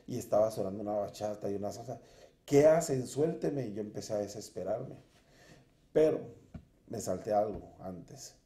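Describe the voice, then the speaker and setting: A man's voice: fairly low pitch, level tone, fast talker, few pauses, dark tone, reverberant. A man sharing his personal conversion testimony in a church interview, telling it earnestly and acting out his past self.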